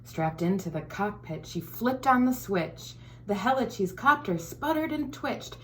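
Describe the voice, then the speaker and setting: A woman who sits on a school board reads a children's picture book aloud in a lively, sing-song storyteller's style, now and then sinking to a whisper. Her voice is mid-range and a little slow, with a faint hiss or hum in the recording.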